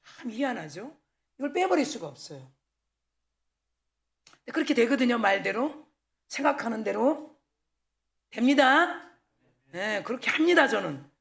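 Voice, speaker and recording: A woman pastor delivers a church sermon in a high voice with a gravelly edge. She talks frankly and tells stories with lively energy. She acts out the exchanges as she goes. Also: unhurried, long pauses. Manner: candid, animated storytelling with acted-out dialogue. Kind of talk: sermon with personal anecdotes. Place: church service.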